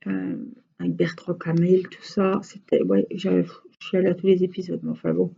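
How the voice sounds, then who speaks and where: A woman's voice: fairly low pitch, level tone, normal speed, gravelly, dark tone, slightly rough, muffled recording. A woman vlogger chatting casually, hesitant and rambling with many fillers. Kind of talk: casual chat.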